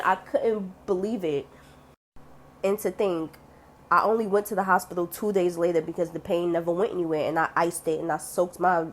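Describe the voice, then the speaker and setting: A young woman talks straight to camera in a relaxed vlog, her voice sitting a bit on the low side. She is blunt and chatty and swears freely. She jumps into the voices of the people she quotes. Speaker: vlogger. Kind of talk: casual storytelling to camera.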